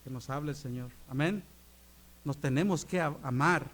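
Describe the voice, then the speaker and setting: A middle-aged man preaching from the pulpit in a high-pitched voice. He fires questions at the congregation and answers them himself. His delivery swings between loud, emphatic peaks and hushed asides. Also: normal speed. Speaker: pastor. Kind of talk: sermon.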